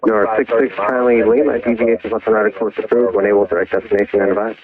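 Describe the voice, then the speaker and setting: A man working as an air traffic controller, heard as a crackly cockpit radio transmission and speaking in rapid, clipped radio phraseology. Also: on the low side, flat delivery. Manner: rapid, clipped and matter-of-fact. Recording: tinny radio channel heard from afar.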